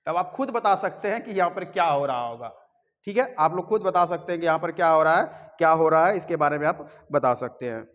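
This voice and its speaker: A man leads a reasoning class in a coaching classroom, his voice sitting a little high. He coaxes the students and checks often that they understand. The mic is some way off, so the room's reverb rings behind him. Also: lively intonation, brisk, fairly bright tone. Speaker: reasoning teacher. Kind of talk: classroom lecture.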